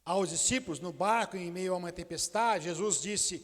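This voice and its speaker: A male pastor preaching a sermon, swinging between loud declarations and hushed, intimate asides. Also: sits high, moderate pace, long reverb tail. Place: church sanctuary.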